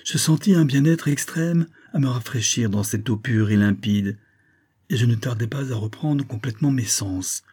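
A man reading a classic short story aloud as an audiobook, in a measured storytelling manner. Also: mid-range voice, darkish tone, husky. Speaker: audiobook reader. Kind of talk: scripted literary narration.

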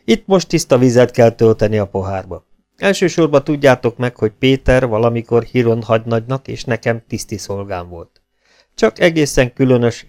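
A man's voice: fairly low pitch, a little mellow, lightly acted. A man reading an audiobook, voicing a brash, cheerful male legion captain who lectures his comrades bluntly.

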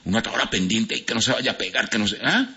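A man hosting a radio quiz, rattling off listener answers with quick verdicts in casual banter. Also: on the low side, sharp tone, husky. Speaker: radio host. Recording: dull lo-fi radio broadcast.

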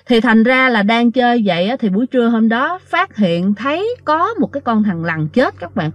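A woman's voice: fairly high pitch, lively intonation, moderate pace, lo-fi sound. A woman telling a ghost story in a casual, chatty way, talking straight to her listeners. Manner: chatty, addresses listeners directly, many fillers.

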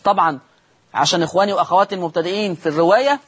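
Husky Egyptian sheikh teaching recitation. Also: male voice, high-pitched, racing, fairly bright tone. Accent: Egyptian Arabic. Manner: explains rules step by step, asks and answers his own questions. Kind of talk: televised Quran recitation lesson.

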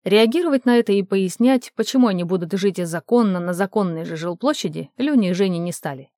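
Reading an audiobook at a middle pitch, a woman narrates in a steady, measured way. The recording is dry and close, with no room around her voice.

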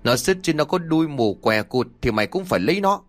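A man's voice: fairly high pitch, very animated, a little fast, faint music behind, voice pushed up. A man voicing a stern old village father who barks threats and orders at his son. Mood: domineering. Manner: barking, hissing threats.

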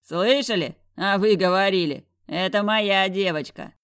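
An audiobook reader voicing a huge bearded man, loud and hoarse, who proposes marriage. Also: sits high, a little slow, no room sound, studio quality, pitched above the performer's own voice. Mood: triumphant.

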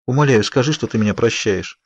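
A man's voice: mid-range voice, a little fast, no echo, highs cut off, lightly acted. A man voicing a proud young woman who apologizes awkwardly, a bit pompous yet sincere. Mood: apologetic.

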